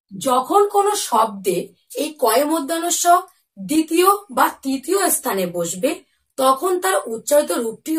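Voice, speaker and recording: A woman teaching a Bengali lesson to young children. She asks the pupils questions and answers them herself, and says each example word slowly and clearly. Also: sits high, recorded from a distance.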